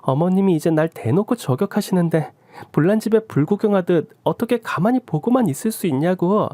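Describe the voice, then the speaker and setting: A woman's voice: fairly low pitch, lively intonation, a little fast, warm tone, dry recording, studio quality, natural voice. A woman voicing a fed-up young daughter-in-law who reproaches her husband in a radio drama. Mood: reproachful. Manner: pleading and reproachful.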